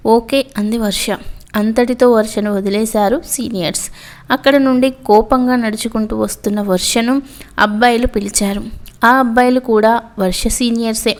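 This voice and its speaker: A woman narrating an emotional story in a steady, expressive storytelling way. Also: fairly high pitch, moderate pace.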